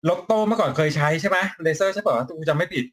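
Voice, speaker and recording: A man's voice: sits high, racing, a bit bright. A man co-hosting a late-night live cycling show, blunt and teasing, crude and jokey, laughing often. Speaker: cycling talk show co-host.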